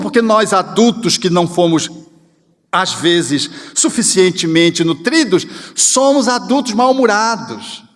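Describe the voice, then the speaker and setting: Brief: expressive male lecturer, high voice that swoops widely, reverberant hall. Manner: animated, expressive, acts out little scenes. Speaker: spiritist lecturer. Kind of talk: spiritual lecture.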